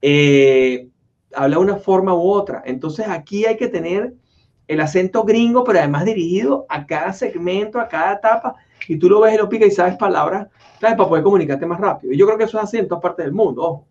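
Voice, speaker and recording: A man's voice: sits high, a little fast, darkish tone. A man hosting a casual interview, rambling with lots of restarts and fillers. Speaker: interview host. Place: home office in Florida. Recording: dull lo-fi audio.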